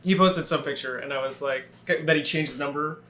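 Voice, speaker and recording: A man's voice: on the high side, fairly quick, pushed and bright, a little hiss or hum. Upbeat young man hosting, echoey room. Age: young adult. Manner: upbeat, laughs a lot. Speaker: podcast host. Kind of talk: casual chat.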